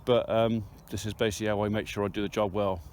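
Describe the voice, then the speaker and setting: A man's voice: flat delivery, fast talker, a little mellow. A man talks casually and plainly in a handheld phone video outdoors, thinking aloud as he explains what he is doing. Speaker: farmer and video host. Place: outdoors on farmland. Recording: noisy outdoor phone video, engine and vehicle rumble.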